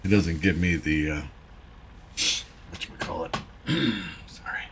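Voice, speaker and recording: Middle-aged man from Wisconsin, gravelly low voice, casual rambling game commentary. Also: measured pace, a little hiss or hum. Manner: rambling, chatty, folksy. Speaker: gaming YouTuber. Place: home gaming room with driving rig. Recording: loud truck game audio underneath.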